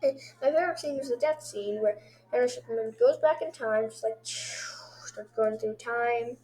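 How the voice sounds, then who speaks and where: A woman casually reviewing episodes one by one, rambling excitedly and throwing in sound effects like boom. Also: fairly quick.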